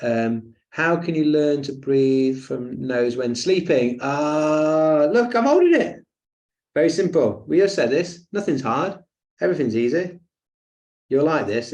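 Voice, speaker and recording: A man's voice: mid-range voice, darkish tone. A man teaching a breathing webinar in a chatty, jokey way with lots of fillers and asides. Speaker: breathing coach.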